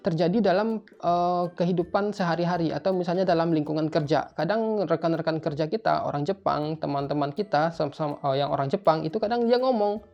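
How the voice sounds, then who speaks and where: This young male tutor for Japanese job interviews has a gravelly, slightly mellow voice on the high side and speaks a little fast. He explains interview answers in a loose, conversational way, repeating one filler tag again and again. Faint music plays behind a slightly muffled recording.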